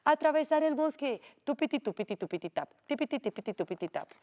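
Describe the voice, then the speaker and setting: A woman's voice: high-pitched, big pitch swings, fairly quick, darkish tone. A woman teacher telling a children's story in a playful, sing-song way, acting out the sound effects.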